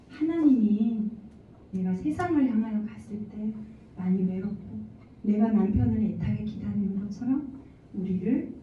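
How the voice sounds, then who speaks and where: A woman's voice: medium pitch, warm tone, slight background noise. Earnest woman testifying in an echoey church hall. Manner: earnest storytelling, acting out dialogue. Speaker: church member giving testimony. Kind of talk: personal testimony to a congregation. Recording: echoey hall, distant mic, dull lo-fi sound.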